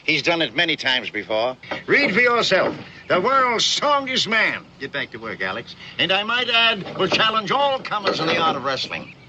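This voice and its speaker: A man's voice: sits high, big pitch swings, moderate pace, few pauses, dull audio. An actor playing a grandiloquent traveling showman and huckster in a TV western, with pompous, wordy riverboat gambler patter. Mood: grandly courteous. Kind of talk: 1960s television western acting. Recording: noisy old TV western soundtrack.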